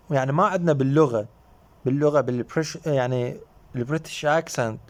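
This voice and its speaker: A man's voice: on the high side, a little mellow. A man with an Iraqi Arabic accent giving a recorded university phonetics lecture, often repeating himself, asking rhetorical questions and mixing in English terms. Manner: repetitive, checks in with rhetorical questions; mixes English terms into explanation.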